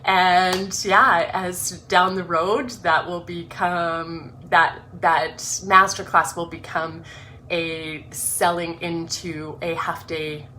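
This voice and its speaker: A woman's voice: fairly low pitch, fairly even intonation, slow pace, sharp tone, slight background noise. Effusive woman reading her book aloud. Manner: effusive and emotional. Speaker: host of an online group livestream. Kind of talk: reading her own book aloud, then casual chat. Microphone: webcam or phone livestream.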